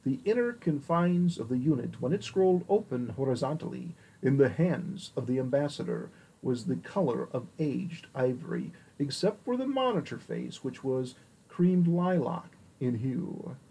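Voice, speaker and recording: A man calmly narrating a story in a measured, scripted reading. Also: medium pitch, creaky, husky, low-quality recording.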